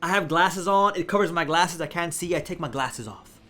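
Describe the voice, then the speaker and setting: A man telling a funny mishap story in a casual, animated way, laughing often and acting out his own reactions. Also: a little high, moderate pace. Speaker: vlogger. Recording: faint music behind.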